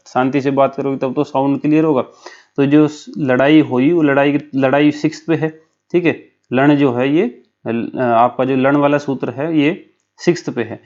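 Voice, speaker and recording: A man's voice: mid-range voice, darkish tone, highs cut off. A man teaching a lesson for an exam, explaining step by step with a memory story and often checking in with his listeners.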